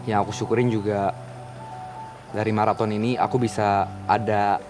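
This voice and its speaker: A man talks in a slightly low voice as a guest in a relaxed interview. He is reflective and hesitant, and he often stops to find his words. Music plays clearly behind him. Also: normal speed, poor audio. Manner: reflective, hesitant with many fillers. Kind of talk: casual interview.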